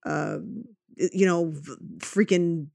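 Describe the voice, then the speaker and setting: A woman hosting a podcast in casual chat, telling stories in an animated way, quoting herself and swearing freely. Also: on the low side, slow pace, vocal fry, no echo. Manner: animated storytelling with self-quotes, swearing. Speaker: podcast host.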